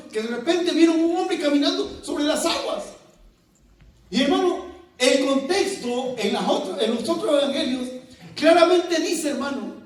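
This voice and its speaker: A male pastor preaching a lively sermon, shouting out quoted lines and laughing as he addresses his listeners. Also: very high voice. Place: church. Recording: very echoey church hall, heard from a distance.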